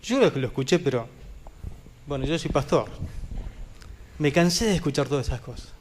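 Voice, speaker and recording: A man preaching a sermon as pastor, talking vehemently and putting questions to the congregation, with sudden swings from loud high peaks to quiet low drops. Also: animated, normal speed, slight background noise. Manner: addresses the congregation directly with questions. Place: church.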